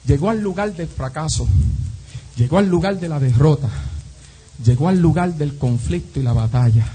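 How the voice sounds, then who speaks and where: A male pastor preaching an evening sermon, firing off repeated rhetorical questions and swinging between shouts and hushed asides. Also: fairly high pitch, animated, moderate pace, breathy edge, rough recording. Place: church.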